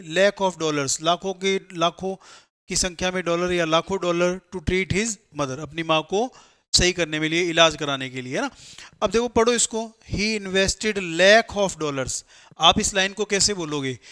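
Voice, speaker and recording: A man gives a classroom grammar lecture and pitches his voice slightly high. He poses questions to the class and answers them himself, mixing with English terms as he works through each rule. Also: normal speed, fairly bright tone, clean tone. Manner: explains step by step, asks and answers his own questions; mixes Hindi with English terms. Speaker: English teacher for competitive exams.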